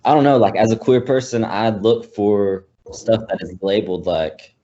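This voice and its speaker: A man's voice: lowish voice, normal speed, warm tone, highs cut off. A young man in casual film discussion, talking hesitantly with many fillers and restarts. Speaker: college student panelist.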